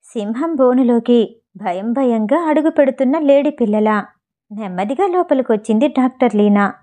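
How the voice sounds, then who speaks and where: A woman narrating an audio novel, reading in a steady storytelling manner. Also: a little high, moderate pace.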